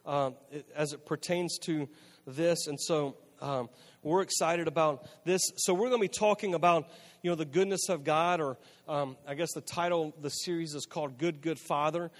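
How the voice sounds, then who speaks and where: A man, a pastor, casually opening his sermon in a halting way. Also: a little high, fairly even intonation. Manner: halting, many fillers and restarts, casual. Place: church sanctuary. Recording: long church sanctuary reverb.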